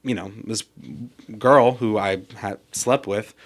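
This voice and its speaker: A man's voice: on the low side, slow. A young man on a podcast, telling a personal story in casual chat, with plenty of swearing and acted-out quotes. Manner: animated, swears a lot, acts out quoted yelling. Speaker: podcast guest.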